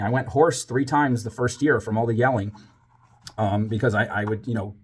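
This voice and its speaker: A man telling a story from his years as a teacher, dramatizing it with whispers and quoted voices. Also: medium pitch. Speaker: former teacher, channel host. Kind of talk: personal storytelling monologue.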